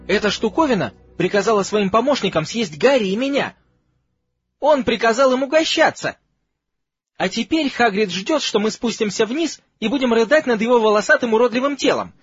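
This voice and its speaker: A man's voice: extremely high pitch, animated, moderate pace, slightly rough, dry recording, soft background music, voice pushed up, exaggerated voice. A man voicing a blunt, complaining teenage boy in an audiobook. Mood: grumbling. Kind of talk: audiobook character reading. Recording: slightly dull, dry recording.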